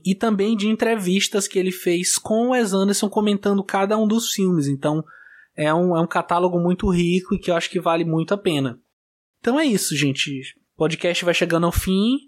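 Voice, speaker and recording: A man with a Brazilian Portuguese accent hosting a podcast in casual chat, talking in a relaxed way with small restarts. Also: high voice. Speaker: podcast host.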